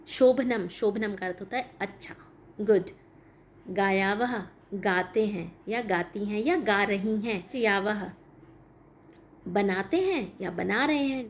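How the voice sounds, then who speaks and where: A woman teacher explaining a school lesson, asking questions and answering them herself. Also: on the high side. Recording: dull lo-fi recording with faint noise.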